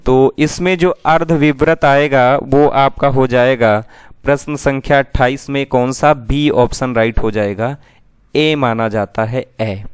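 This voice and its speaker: A man's voice: medium pitch, fairly even intonation, a little slow, clean tone, no room sound, clean studio sound. A man teaching an exam-prep lesson who asks his students questions and then answers them himself.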